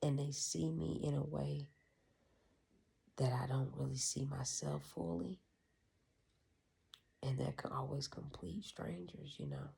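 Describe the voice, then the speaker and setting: A deeply gravelly, raspy voice recounts a personal experience in a hushed, half-whispered way. The delivery is slow and unhurried, swinging widely in pitch, and it stays candid and profane throughout. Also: fairly even intonation. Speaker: vlogger. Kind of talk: candid personal retreat recap.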